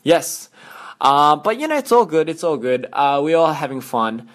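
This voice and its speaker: A young Australian man hosts a radio show, chatty and upbeat, breaking into playful vocal sound effects. His voice sits a little high for a man. He talks close to a studio microphone. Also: very animated, moderate pace. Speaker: radio host. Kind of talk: casual radio hosting.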